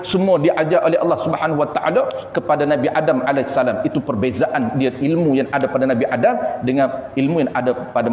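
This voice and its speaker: A man's voice: sits high, a little mellow. A man with a Malaysian Malay accent teaching a religious class, explaining terms patiently and asking and answering his own questions. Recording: echoey hall with faint background noise.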